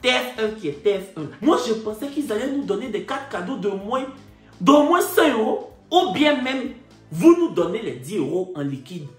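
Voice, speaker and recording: Animated storyteller, man. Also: sits high, moderate pace. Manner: animated, repetitive, indignant asides. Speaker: comedian storyteller. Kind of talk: comic storytelling. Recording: echoey room, faint music.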